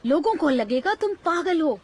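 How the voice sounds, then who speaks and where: A woman's voice: high-pitched, big pitch swings, moderate pace. A woman dubbing a pushy, money-minded young woman in a Hindi series, bossy and theatrical. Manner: bossy, wheedling, theatrical complaints.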